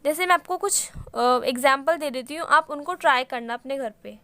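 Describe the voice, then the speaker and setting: High-pitched lady explaining shorthand steps, dead dry sound, no room echo. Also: normal speed, bright, forceful tone. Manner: explains step by step, mixes English terms into Hindi. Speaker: shorthand teacher. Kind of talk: casual Hindi-English tutorial.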